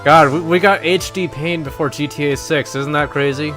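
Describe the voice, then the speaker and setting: A man streaming a game, chatting casually and excitably, swearing and restarting often. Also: on the high side, moderate pace. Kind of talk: casual let's-play chat. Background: game music.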